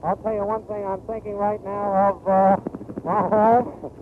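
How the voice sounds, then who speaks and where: Male combat reporter, high voice, urgent on-the-spot commentary, old muffled wartime field recording. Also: little pitch movement, a little slow, background noise. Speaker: combat correspondent. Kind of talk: live battlefield commentary. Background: gunfire and artillery.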